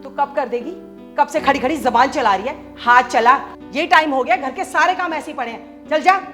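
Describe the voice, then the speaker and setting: A woman's voice: high-pitched, brisk, fairly bright tone. An actress playing a proud, casteist mother-in-law who scolds her daughter-in-law and her maid with contempt. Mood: scolding. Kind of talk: short film acting. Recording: echoey room with music.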